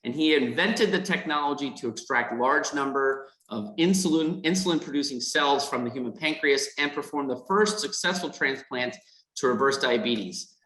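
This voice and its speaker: Reading prepared introductory remarks at normal speed, a foundation host and interviewer leads an event on a video call, his speech full of fillers and repetitions. His mid-range voice sounds pushed and bright, and the rough recording echoes around the room.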